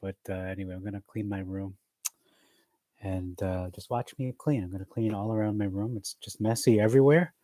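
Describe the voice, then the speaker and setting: Rambling, low-voiced man vlogging his cleanup. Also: brisk, warm tone, poor audio. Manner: rambling and self-mocking, with frequent fillers. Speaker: vlogger streaming himself cleaning. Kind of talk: casual chat to camera. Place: his bedroom. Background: faint chiptune music playing.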